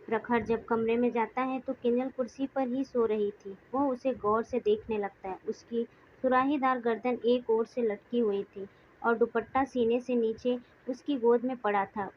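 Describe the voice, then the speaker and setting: A woman reading a dramatic story aloud in a scripted narration, voicing all characters in a mostly even manner. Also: a little high, normal speed, a little hiss or hum. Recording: dull lo-fi recording.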